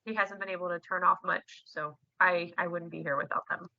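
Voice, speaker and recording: A woman's voice: lowish voice, fairly even intonation, fairly quick, gravelly, pushed and bright, dry recording, dull audio. A young woman, a nursing student, chatting emotionally in an interview, with lots of fillers and laughter. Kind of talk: casual interview chat.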